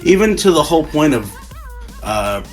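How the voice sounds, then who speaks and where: A drunk man in a casual fan discussion, rambling and halting as he repeats and restarts his phrases. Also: medium pitch. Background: music.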